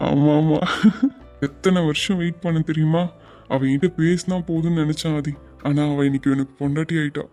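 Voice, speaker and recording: A man voicing a cheerful, joking young newlywed in an animated web series. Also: fairly high pitch, brisk, soft background music, close to an everyday voice. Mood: happy. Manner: joking, lighthearted.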